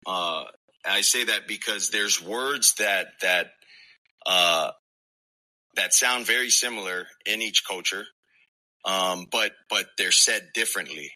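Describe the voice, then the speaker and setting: A man who grew up in Hawaii, answering an interview question with hesitant, halting speech. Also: low-pitched, bright, forceful tone, rough recording. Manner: hesitant, many ums and restarts. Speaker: interviewed athlete.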